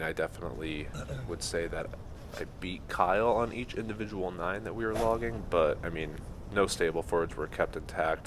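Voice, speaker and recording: A man narrating his golf trip in a relaxed, conversational vlog style. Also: low-pitched. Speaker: golf vlogger. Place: outdoors on a golf course. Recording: noisy outdoor recording.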